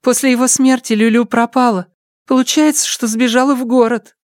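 A man voicing a wary, suspicious young village woman with a high, sharp voice in a Russian audiobook. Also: fairly even intonation, a little fast, no echo, clean studio sound. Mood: explaining.

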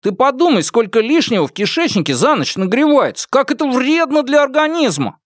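A man's voice: very high-pitched, sing-song, brisk, no echo, studio quality, pitched above the performer's own voice. A man voicing a brash, joking young male student who talks in a boastful, theatrical way.

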